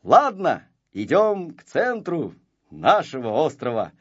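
A man's voice: a little high, huge pitch swings, takes it slowly, breathy edge, lo-fi sound, heavily acted. Незнайка, cocky little boy, voiced by a man. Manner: confident, bossy.

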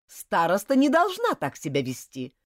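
A woman voicing a strict, quick-tempered female French schoolteacher in an audiobook, scolding loudly and sharply. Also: medium pitch, wildly swooping pitch, dry recording, clean studio sound. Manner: sharp scolding, loud and cutting. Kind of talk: audiobook character voice.

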